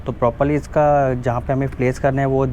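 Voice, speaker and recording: Here a motovlogger with an Indian accent talks a little fast in a warm, level, mid-range voice. He casually unboxes and installs a product, switching freely between Hindi and English, while slight background noise lingers.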